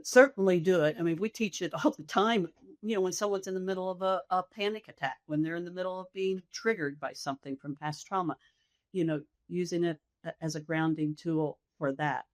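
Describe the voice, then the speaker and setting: A woman's voice: lowish voice, a little fast, no room sound. A middle-aged woman, a nurse being interviewed, explaining things in an earnest, reflective, instructive way. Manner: earnest, instructive, illustrates with quoted self-talk. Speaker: hospice nurse practitioner, author and guest.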